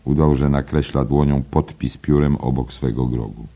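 Casting: deep, dark-toned male audiobook narrator, measured reading. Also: fairly even intonation, gravelly. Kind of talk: scripted literary narration.

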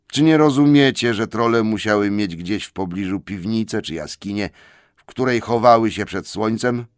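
A man doing a brisk commanding old wizard. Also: lowish voice, clear, resonant tone, dry recording, clean studio sound, natural voice. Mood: urgent.

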